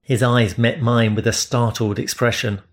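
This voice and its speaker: A man reading first-person romance narration in a steady, measured way. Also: medium pitch. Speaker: audiobook narrator.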